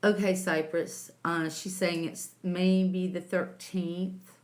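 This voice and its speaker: A woman's voice: on the low side, flat delivery. A woman hosting a casual livestream, chatting with viewers and calling them sweetie and honey. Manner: slow, homey, calls viewers sweetie and honey. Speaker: livestream host reading chat.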